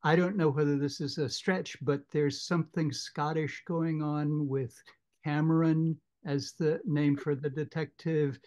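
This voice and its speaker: A man joins a group discussion over a video call with a fairly high voice. He halts often, repeating small words while he works out his question. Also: level tone, unhurried, darkish tone. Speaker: discussion participant.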